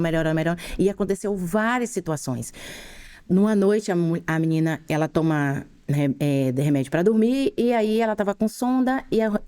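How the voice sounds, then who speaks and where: Middle-aged woman, Brazilian Portuguese accent, fervent testimony, rapid-fire, low mellow voice. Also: smooth. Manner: fervent, rushed storytelling. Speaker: podcast guest. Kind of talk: emotional faith testimony.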